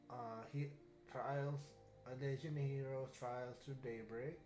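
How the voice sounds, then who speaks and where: A man's voice: medium pitch, darkish tone. A man streaming a video game, talking to his chat in a rambling, self-deprecating way and tripping over words. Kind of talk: casual gameplay commentary. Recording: echoey room, faint game music.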